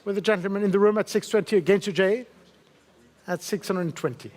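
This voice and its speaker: A high-voiced man calls a live fine art sale at a London auction saleroom, his delivery quick and a little mellow. He restates each figure in clipped phrases and courteously coaxes bidders with brief questions.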